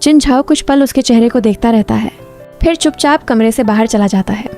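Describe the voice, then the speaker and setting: A woman narrating a drama recap in a smooth, even storytelling delivery. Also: fairly high pitch, fairly quick, soft background music.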